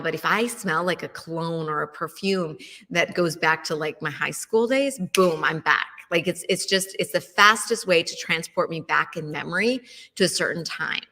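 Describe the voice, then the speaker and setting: Bright chatty woman host. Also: on the low side, in a large hall. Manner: chatty, asks listeners questions, many fillers. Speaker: wellness show host. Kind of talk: casual storytelling monologue.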